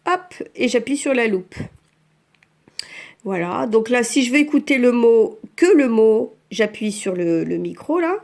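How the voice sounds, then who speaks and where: A woman's voice, on the high side, gravelly and a little mellow with lively intonation, leads French learners through a phone app step by step. She speaks slowly and patiently, narrating each tap across the screens.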